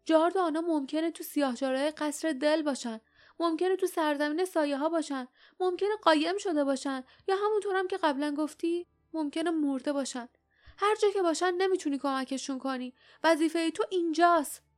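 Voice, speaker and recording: A woman reading the lines of a stern, guarded male warrior in an audiobook, firm and steady. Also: sits high, soft background music, lightly acted.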